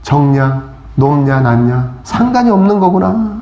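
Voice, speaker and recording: A man's voice: fairly high pitch, very animated, measured pace, warm tone, highs cut off. A male pastor preaching a sermon, telling a story and asking the congregation questions. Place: church. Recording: echoey church hall.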